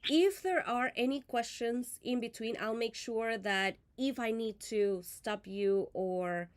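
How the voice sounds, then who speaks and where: A woman's voice: a little high, slow pace, clean tone. A woman, hosting a casual live crafting stream in a friendly, chatty way with fillers and restarts. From Venezuela.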